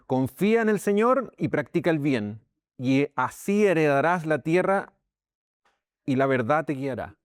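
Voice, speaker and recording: A pastor with a Chilean Spanish accent teaches an informal Bible class, speaking conversationally and frequently checking in with his listeners. He restarts sentences and repeats words a lot. His medium-pitched voice is captured in a dry, clean studio recording.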